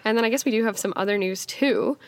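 A woman co-hosting a casual podcast, getting over a chest cold, with a slight smoker's rasp and a nasal sound. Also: a little high, fast, no room sound. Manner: informal, conversational. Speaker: podcast co-host. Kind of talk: casual chat.

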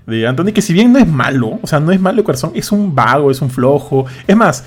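A man chatting casually as a podcast host, lively and slangy, acting out what others say. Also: fairly high pitch, brisk, slightly rough. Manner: animated, acts out quotes with slang. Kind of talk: casual chat.

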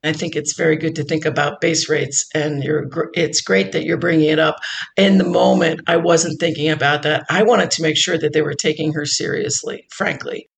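A woman investor, formerly a chief investment officer, speaking in an interview with measured, deliberate explanations. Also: low voice, steady tone, vocal fry, slight background noise, poor audio. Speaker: investor, former endowment CIO. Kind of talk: interview conversation.

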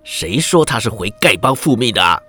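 A man's voice: medium pitch, very animated, brisk, bright, forceful tone, breathy edge, soft background music, voice pushed down, full character voice. A man voicing a fierce, defiant captive Jurchen warrior who speaks with a cold, mocking sneer in a wuxia story. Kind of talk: wuxia audiobook character voice.

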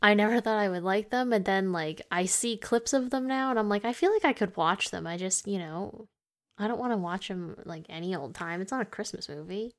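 A woman's voice: medium pitch, a little fast. A woman co-hosting a casual movie podcast, laid-back and teasing, often trailing off. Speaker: podcast co-host.

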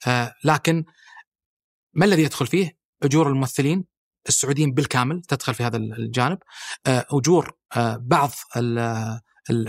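Fast-talking Saudi man, crisp dry sound. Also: medium pitch, dry recording. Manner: fluent with frequent "aah" fillers and restarts, listing points. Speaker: guest, head of a national film body. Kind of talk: podcast interview, explanatory.

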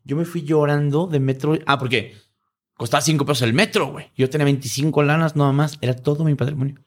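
A man's voice: a little high, steady tone, quick pace. A middle-aged man with a Mexican accent, a guest in an interview, telling stories in casual, profane slang and acting out the people in them. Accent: Mexican Spanish. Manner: profane slangy storyteller, acts out voices.

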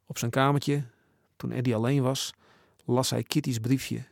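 A man reads a storybook aloud in a measured, expressive manner. His voice has a gravelly texture at an ordinary pitch, recorded close and dry with no room sound. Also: no echo. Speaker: narrator. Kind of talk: storybook reading.

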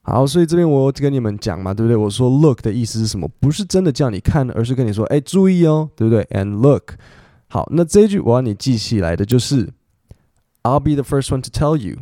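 A man giving a casual English lesson, lively and quick to jump into English example sentences. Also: mid-range voice, dry recording, studio quality. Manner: animated, switches between Mandarin and English examples. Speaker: English teacher.

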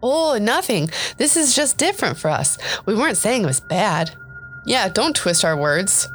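A man's voice: high-pitched, big pitch swings, normal speed, fairly bright tone, faint music behind, pitched above the performer's own voice. A man voicing an earnest young woman adventurer in a fantasy audiobook. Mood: firm.

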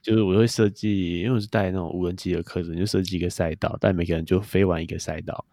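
A man's voice: low-pitched, steady tone, fast, dark tone, no room sound, clean studio sound. A young man, chatting casually as a podcast co-host and telling stories. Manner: chatty storyteller. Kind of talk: casual chat.

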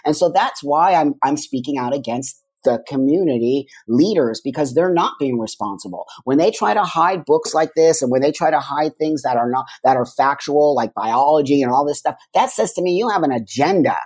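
A woman's voice: low-pitched, animated, normal speed, few pauses, a little mellow, slightly rough. A woman guest in a casual interview, talking emphatically and often repeating her agreement.

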